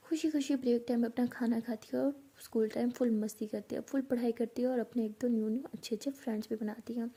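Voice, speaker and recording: A woman's voice: a little high, mellow, husky. A woman telling a love story in a casual, half-whispered way.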